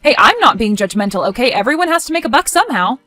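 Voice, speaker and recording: A woman playing a skeptical, sharp-tongued adult daughter in scripted story dialogue, expressive and conversational. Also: fairly high pitch, quick pace, soft background music.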